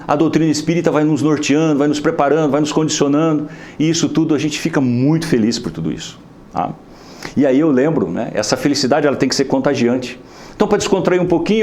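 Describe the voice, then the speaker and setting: At a spiritist center, a Brazilian Portuguese-accented man gives an inspirational talk built around a humorous story. His slightly high voice stays lively and conversational, full of tag questions.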